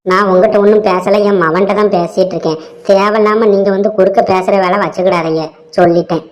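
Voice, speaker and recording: A woman's voice: medium pitch, steady tone, fast, close to an everyday voice. Woman voicing a grumbling Tamil mother-in-law. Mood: scolding. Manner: grumbling, scolding, sarcastic. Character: bitter scolding Tamil mother-in-law, middle-aged. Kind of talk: cartoon comedy voice acting.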